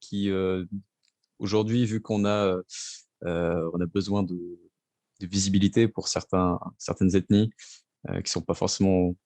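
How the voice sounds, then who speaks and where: A man interviewing a guest in a casual, hesitant, halting way. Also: sits low, flat delivery, a little mellow, no room sound.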